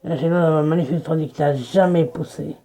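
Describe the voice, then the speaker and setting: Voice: medium pitch, steady tone, brisk, mellow. A video creator giving a casual, rambling self-introduction to viewers as a DJ persona, often restarting sentences.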